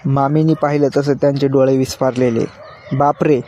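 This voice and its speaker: A man narrating a story in the first person, in a steady scripted storytelling manner. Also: mid-range voice, moderate pace, lo-fi sound, slight background noise.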